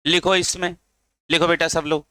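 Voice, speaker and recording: Bright-voiced male chemistry teacher. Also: fairly high pitch, little pitch movement, moderate pace, no room sound. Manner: coaxing, calls students beta, drills them in chants. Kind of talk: classroom lecture. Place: classroom.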